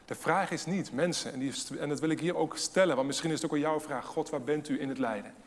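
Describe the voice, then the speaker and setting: A man preaching a sermon with emphasis, asking rhetorical questions and swinging between loud and hushed delivery. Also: on the high side, fast talker. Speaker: pastor. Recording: long hall reverb.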